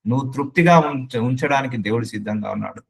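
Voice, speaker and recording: Guy pastor preaching to a small church crowd, repeats stuff for emphasis, drops english words in, mid pitch. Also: quick pace, creaky, breathy edge. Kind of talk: sermon. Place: church gathering of about thirty people.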